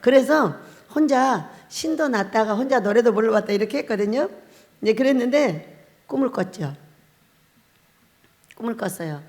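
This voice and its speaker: A woman's voice: fairly high pitch, expressive, moderate pace, long pauses, darkish tone. A woman pastor giving a revival sermon, telling stories and acting out the voices she quotes. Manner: storytelling, acts out quoted voices, laughs often. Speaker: pastor, head of a fasting prayer house. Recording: long hall reverb.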